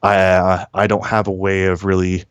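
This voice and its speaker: A man calls in as a guest to give informal commentary on the industry, blunt and opinionated, halting often with filled pauses. His voice is low, smooth and monotone, with no echo.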